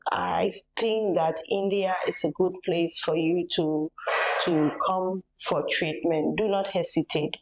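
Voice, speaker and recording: A woman from Cameroon with a Cameroonian accent, speaking as an interview guest in a measured, earnest way with pauses and fillers. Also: on the low side, a little mellow, rough recording. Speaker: medical tourism facilitator, patient's mother.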